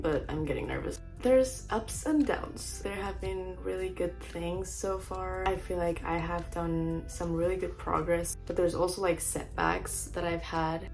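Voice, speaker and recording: A woman's voice: on the low side, normal speed, creaky, few pauses, soft background music. Chatty young woman vlogging casually. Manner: chatty, upbeat, many "like" fillers. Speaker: fitness vlogger. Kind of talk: casual vlog chat. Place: home, then gym.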